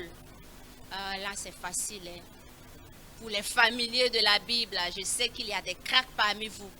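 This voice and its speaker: A woman leading a children's Bible riddle quiz, reading each clue slowly and repeating it in a coaxing way. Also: fairly high pitch, bright, forceful tone.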